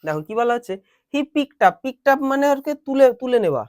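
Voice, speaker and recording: A male teacher giving a classroom lesson. He reads English lines slowly, then explains them and quizzes his students. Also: very high-pitched, lively intonation, no echo, studio quality.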